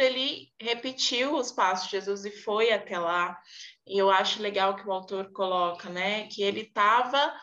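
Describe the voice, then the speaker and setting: A woman walks through a Bible story from her home in a relaxed, thoughtful way, often pausing and restarting her sentences. She talks at a slow, deliberate pace. The recording is muffled and lo-fi. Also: mid-range voice. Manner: unhurried, thoughtful, with many fillers and restarts. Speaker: Bible study presenter. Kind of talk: casual Bible teaching.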